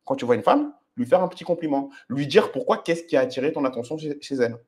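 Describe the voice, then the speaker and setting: A quick-talking man, speaking at a middle pitch. He coaches viewers directly and often checks that they are following. His delivery is instructive and confident. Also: darkish tone, a little hiss or hum. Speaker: dating coach. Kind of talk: commenting on his own street footage.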